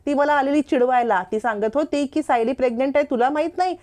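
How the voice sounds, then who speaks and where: A woman's voice: sits high, fast talker, natural voice. A woman voicing an angry, protective elder sister who scolds her younger sister. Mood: angry scolding. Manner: scolding, shouting reproaches.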